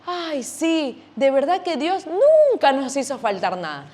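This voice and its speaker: Brief: woman playing a chattering little boy in a storybook tale, high and lively. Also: unhurried. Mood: relieved. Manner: eager, chattering. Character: excited little boy on a camping trip.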